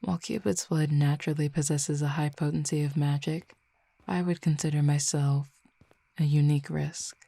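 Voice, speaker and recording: A woman plays a dominant, teasing fallen Cupid, a non-human character, in an audio roleplay, using a deep, dark voice with a gravelly edge and a steady, level tone. Calm and explanatory, she talks slowly and intimately, drifting into hushed whispers. The recording is dry.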